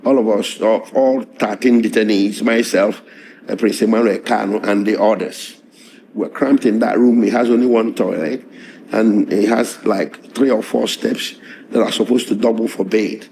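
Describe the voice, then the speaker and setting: A middle-aged lawyer with a hoarse, strained voice, recounting events in a measured, halting interview manner. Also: male voice, on the low side, fairly even intonation, dark tone, a little hiss or hum. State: hoarse, voice strained after tear gas.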